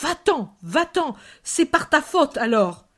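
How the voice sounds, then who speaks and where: Furious crowd yelling demands, high and loud, read by a woman. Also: big pitch swings, takes it slowly, full character voice. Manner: shouting demands. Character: furious crowd of grieving villagers.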